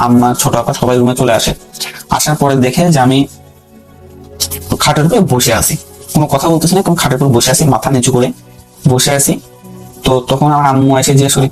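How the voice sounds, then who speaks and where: A man's voice: medium pitch, a little mellow, rough recording. A man, a caller telling his own story in casual, rambling speech that repeats phrases and keeps turning to the host. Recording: music playing under the voice.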